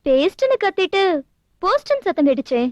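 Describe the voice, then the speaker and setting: A woman's voice: very high-pitched, sing-song, brisk, no echo, dull audio. An actress playing a mother who scolds and shoos a man out of her house, in a film scene. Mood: suspicious. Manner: sharp, shooing scolding. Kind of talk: comic film acting.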